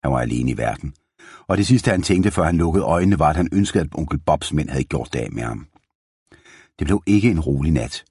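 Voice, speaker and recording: A man narrating a children's western story in a calm, steady reading voice. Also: extremely low pitch, breathy edge, dry recording, clean studio sound.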